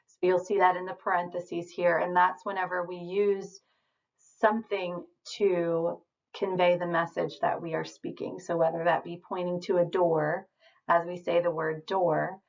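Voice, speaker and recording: A woman trainer giving a calm, reassuring lecture over slides. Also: lowish voice, gravelly. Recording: distant, dull lo-fi voice.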